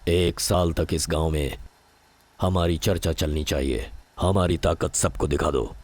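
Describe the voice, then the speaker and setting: A deep menacing village boss. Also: male voice, steady tone, unhurried, a little mellow, slight background noise. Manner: menacing, commanding. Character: menacing village strongman giving orders.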